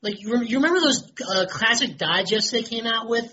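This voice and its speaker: A woman's voice: a little high, expressive, a little fast, a crowd in the background. A woman chatting casually in a group conversation, rambling with lots of fillers. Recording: dull lo-fi recording.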